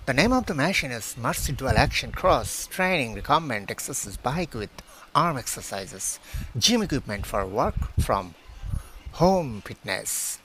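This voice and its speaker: A man, a pharmacist promoting a product on his channel and reading out its specs haltingly, recorded outdoors on a phone held at arm's length. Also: mid-range voice, big pitch swings, bright, forceful tone, a little hiss or hum. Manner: halting, many hesitations, reads list items one by one. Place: outdoors beside plants.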